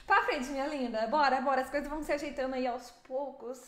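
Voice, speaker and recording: A young Brazilian woman streaming a driving game, chatting with viewers in a lively, fast way and laughing often. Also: sits high, reverberant. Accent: Brazilian Portuguese. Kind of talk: live stream chat with viewers.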